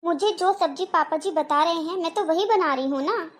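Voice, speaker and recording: Patient daughter-in-law, polite, high pitch, cartoon, voiced by a woman. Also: normal speed. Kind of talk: cartoon voice acting.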